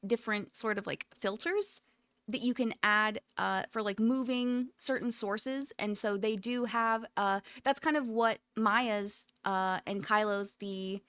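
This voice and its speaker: A woman with a fairly high voice chats on a livestream, close to the microphone in a dry space. Her talk is informal and rambling, with an affectionate, giggly manner that suits an easygoing chat with viewers. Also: clear, resonant tone, no echo. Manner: giggly, frequently breaking into loud laughter. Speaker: live streamer. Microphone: close USB microphone.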